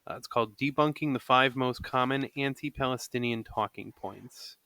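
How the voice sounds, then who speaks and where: A man's voice: mid-range voice, moderate pace, sharp tone, no echo. A man chatting on a podcast, talkative and full of fillers. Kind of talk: casual podcast conversation.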